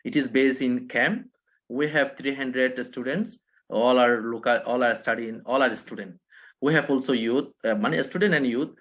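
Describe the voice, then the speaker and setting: A Rohingya man from a Bangladesh refugee camp, speaking as a panelist in a halting way with many restarts. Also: mid-range voice, fairly bright tone. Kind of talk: online panel talk.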